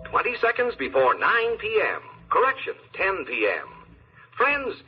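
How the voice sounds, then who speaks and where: An actor playing an upbeat station announcer inside a radio drama. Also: male voice, huge pitch swings, a little slow, over music, full character voice. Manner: upbeat pitchman, gets stuck repeating. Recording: lo-fi old radio broadcast recording.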